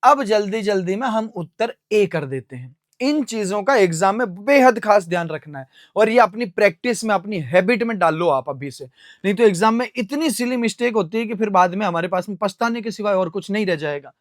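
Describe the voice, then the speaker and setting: A young man with an Indian accent teaching an English vocabulary lesson, explaining each answer step by step, asking and answering his own questions and spelling words out slowly letter by letter. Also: sits high, animated, dry recording, studio quality.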